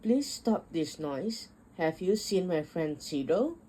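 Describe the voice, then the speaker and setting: A woman voicing a kind female friend in a storybook, speaking gently and calmly. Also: lowish voice, slow, husky, full character voice. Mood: gentle.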